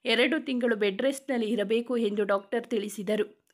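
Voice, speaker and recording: A woman reading a dramatic family story aloud in a steady narrating voice. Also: a little high, normal speed.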